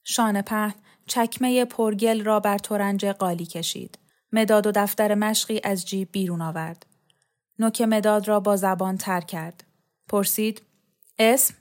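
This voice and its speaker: A woman reading a novel aloud in steady, measured storytelling narration. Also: mid-range voice. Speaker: audiobook reader. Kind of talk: scripted narration.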